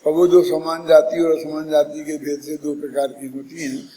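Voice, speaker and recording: A man's voice: fairly high pitch, level tone, moderate pace, dark tone, long reverb tail, rough recording. A man giving a scripture discourse, explaining step by step and putting rhetorical questions to his listeners. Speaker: Jain scripture teacher.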